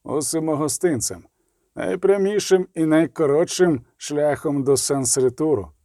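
A man reading aloud, voicing a grim middle-aged monster hunter who speaks low and curt. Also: unhurried, dark tone, no room sound, studio quality.

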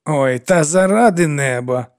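A man's voice: fairly high pitch, normal speed, darkish tone, voice pushed up, natural voice. A man voicing an older woman who scolds and mothers a troubled girl in an audiobook. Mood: stern. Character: older woman, stern yet kindly widow.

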